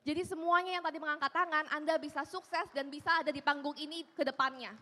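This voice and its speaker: A woman interpreting a speaker's talk on stage, eager and quick after each phrase. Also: high voice, steady tone, pushed and bright. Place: large hall stage. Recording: hall with long reverb.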